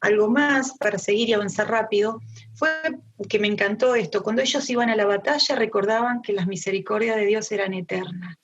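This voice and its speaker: A middle-aged woman with an Argentine Spanish accent delivers a conversational devotional Bible teaching to a women's group, speaking straight to her listeners and posing rhetorical questions in an engaged way. Her mid-range voice holds a steady tone at a brisk pace, with faint music behind her. It comes through an online group call, so the audio is dull and lo-fi.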